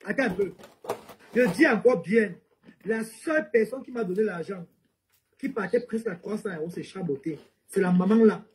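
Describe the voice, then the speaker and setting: A man's voice: high voice, normal speed, husky, poor audio. A man hosting a casual live stream, repeating himself as he asks viewers to support him.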